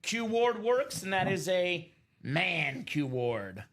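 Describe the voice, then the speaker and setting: A man in his thirties hosting a live card break, chatty and energetic, calling out names and teams. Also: high voice, slow pace. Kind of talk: live stream commentary.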